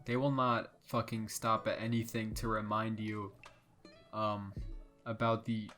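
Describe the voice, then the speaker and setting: A young man co-hosting a comedy podcast, riffing crude, deadpan jokes over faint background music. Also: fairly low pitch, measured pace. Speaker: podcast co-host. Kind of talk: casual comedic chat.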